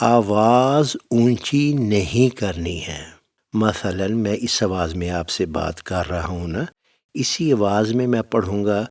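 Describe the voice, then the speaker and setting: Fatherly low-voiced male recitation teacher. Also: darkish tone, far from the mic. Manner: fatherly, addresses listeners as "my son"; plain-spoken, gives firm step-by-step instructions. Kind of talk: spoken lesson with recited demonstrations.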